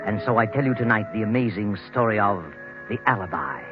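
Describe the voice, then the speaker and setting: A man playing a sinister, mocking storyteller of the night in an old radio mystery, speaking ominously and theatrically with dramatic pauses. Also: on the low side, lightly acted. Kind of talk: 1940s radio mystery narration. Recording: muffled vintage radio recording with music.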